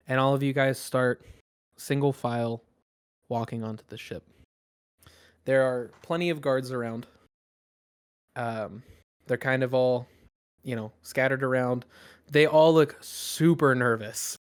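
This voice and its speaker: A man's voice: medium pitch, fairly even intonation, unhurried, long pauses, clear, resonant tone. A man narrating a tabletop game casually, with many fillers. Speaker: game master.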